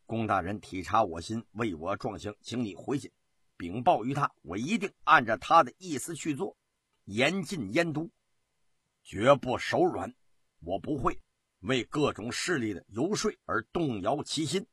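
A man's voice: medium pitch, very animated, unhurried, a bit bright, breathy edge, dry recording, studio quality, heavily acted. A man voicing a stern, upright Qing imperial commissioner in a traditional storytelling performance, speaking solemnly and resolutely. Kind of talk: traditional storyteller acting out a character.

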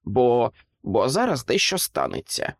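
A man voicing a calm, brave toy pig in a storybook, speaking in a coaxing tone. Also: mid-range voice, a little slow, creaky, no echo, clean studio sound, exaggerated voice.

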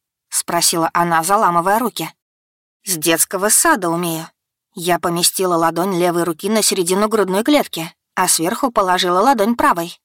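A woman narrating a first-person audiobook in a steady, dramatic storytelling manner. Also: on the low side, no room sound, clean studio sound.

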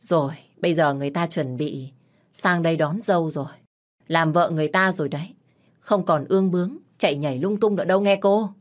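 A woman's voice: lowish voice, brisk, natural voice. Woman voicing a long-suffering mother. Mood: gentle. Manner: pleading, then sharply scolding. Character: long-suffering mother, patient then defiant.

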